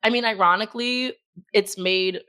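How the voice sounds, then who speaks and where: A woman co-hosting a podcast in casual chat, gushing and animated, laughing often. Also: medium pitch, normal speed, smooth. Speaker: podcast co-host.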